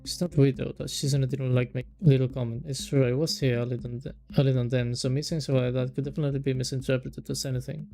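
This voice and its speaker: A man reads a visual novel aloud in a casual let's-play, breaking off into chatty, amused asides and correcting himself often. His voice is mellow and gravelly, with faint guitar music playing behind. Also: medium pitch, little pitch movement, quick pace, hardly any pauses.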